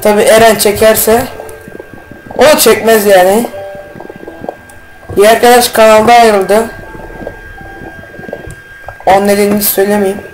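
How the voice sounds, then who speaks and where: A man giving casual, rambling let's-play commentary as a gaming YouTuber, slangy and quick to get irritated, with faint game music behind him. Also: high-pitched, level tone, a little hiss or hum, rough recording.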